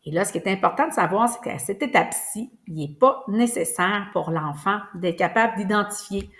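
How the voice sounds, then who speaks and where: A woman's voice: mid-range voice, moderate pace, fairly bright tone. A woman, a preschool teacher patiently explaining a lesson, with frequent hesitations. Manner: patient, careful, many fillers.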